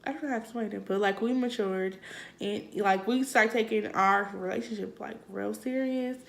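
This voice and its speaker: Lady vlogger chatting, teasing n slangy, bright sharp voice with lots of fry. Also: mid-range voice, normal speed. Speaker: vlog host. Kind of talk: casual chat.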